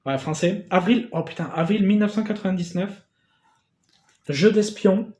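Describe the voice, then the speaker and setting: A man in a casual unboxing vlog who gets excitable, swears casually and thanks the sender again and again. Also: high-pitched, normal speed, roomy sound. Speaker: YouTuber opening a gift parcel.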